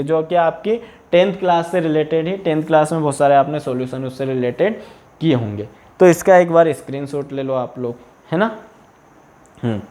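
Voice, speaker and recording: A man's voice: a little high, a little mellow. A man from India teaching maths in a video lesson, working through problems step by step and often checking that students follow. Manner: patient, repeats "है ना" to check understanding.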